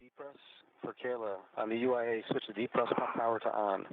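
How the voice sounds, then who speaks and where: A man's voice: medium pitch, fairly even intonation, a little fast, crowd noise. A man reading checklist steps as a spacewalk crew member, heard over a crackly space-to-ground radio link. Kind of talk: procedural radio callouts. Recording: tinny radio link with static.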